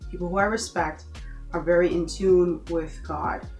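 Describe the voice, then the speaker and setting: A woman's voice: on the low side, fairly even intonation, moderate pace, darkish tone, faint music behind. A woman from the Bahamas giving an earnest motivational talk in her vlog, encouraging viewers and repeating points for emphasis. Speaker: vlogger.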